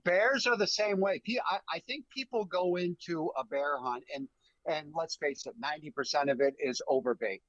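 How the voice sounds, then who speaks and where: Animated man telling hunting stories. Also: fairly high pitch, moderate pace, no room sound, lo-fi sound. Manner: animated, repeats words, emphatic. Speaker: guest, bear hunting guide. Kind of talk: casual storytelling.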